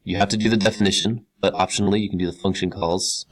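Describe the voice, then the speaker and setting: A man's voice: low voice, steady tone, quick pace, a crowd in the background. A male teacher talking casually through each step of a screen-recorded tutorial, repeating key words for emphasis. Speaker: computer science teacher.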